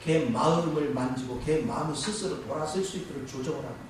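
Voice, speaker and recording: A man's voice: a little high, fast talker, recorded from a distance, slight background noise. Preaching man in an echoey church. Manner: preaching with rhetorical questions to the congregation. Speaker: pastor. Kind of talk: sermon. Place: church sanctuary. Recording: echoey church hall, mic from afar.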